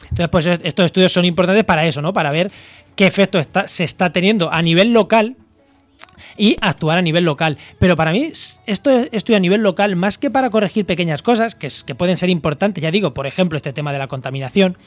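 A man's voice: high voice, quick pace, dry recording. Man from La Mancha explaining ecology. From Castilla-La Mancha, Spain. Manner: thoughtful, hesitant with fillers and restarts. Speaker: ecology expert guest. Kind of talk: radio interview, explaining.

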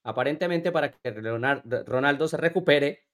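Man co-host chiming in with quick agreements. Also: a little high. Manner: chimes in with short agreements and corrections. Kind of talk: casual sports talk.

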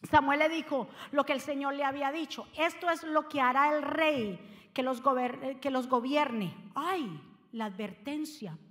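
A woman pastor preaches with fervor, rising to loud calls and then dropping to hushed asides. Her voice sits high, and a long reverb trails after her words in the church. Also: unhurried. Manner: impassioned preaching, swinging between loud exhortation and quiet asides. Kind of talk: sermon. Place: church sanctuary.

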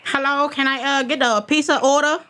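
A fussy prank caller with a thick put-on accent, as a woman plays her, asks halting, repetitive questions over the phone. Her voice sits high and bright. She keeps circling back and pressing for answers.

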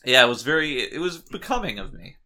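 A man co-hosting a podcast, trading deadpan, mock-serious jokes in casual chat. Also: mid-range voice, brisk. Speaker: podcast co-host.

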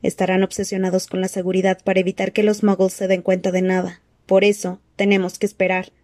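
A cold, frail dark lord who hisses his threats slowly and softly, as a woman puts him on. His tone sits dark and mellow, recorded close and dry with no room around it, in a storybook reading. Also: medium pitch, monotone, no echo, lightly acted. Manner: slow hissing soft threats. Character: cold menacing weak dark-lord man.

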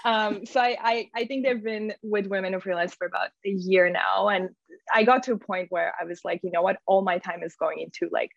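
Heard in an echoey room with slightly dull sound, this interview guest, a community founder, gives loose, rambling answers full of "like." Her gravelly voice is medium in pitch, fairly quick, and fairly even in intonation.

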